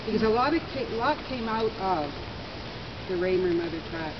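A woman's voice: mid-range voice, animated, normal speed. An older woman chatting with a group outdoors about the community projects she helped start, matter-of-fact and chatty. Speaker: former community organizer on a walking tour. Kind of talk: casual outdoor reminiscing with a group. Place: outdoors in a rainy housing courtyard. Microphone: smartphone camera at a short distance. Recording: dull phone-camera audio with loud outdoor noise.

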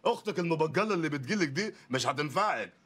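Allimby, husky bumbling loudmouth husband. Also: male voice, on the high side, animated, fast talker. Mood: mocking. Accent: Egyptian Arabic. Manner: ranting, sarcastic, wildly swinging delivery. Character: poor bumbling loudmouth lawyer husband, male, adult. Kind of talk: comedy film acting.

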